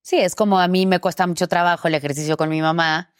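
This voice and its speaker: Female co-host with a lowish voice, dry close mic, casual and chatty. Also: steady tone, fast, smooth, no room sound. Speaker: podcast co-host. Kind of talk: casual conversational chat.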